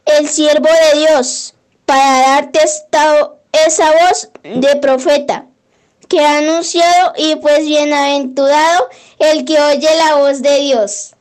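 A woman's high, light voice carries a prayer verse by verse, never rushing. The recitation feels devout and controlled, paced like someone steadily reading a litany.

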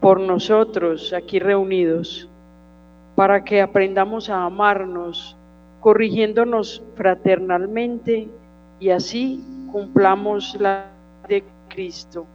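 A woman reads prayer petitions at Mass in a formal, measured way. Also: mid-range voice, steady tone, a little mellow. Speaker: reader of intercessions at Mass. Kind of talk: liturgical reading of prayer petitions. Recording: dull lo-fi sound with mains hum.

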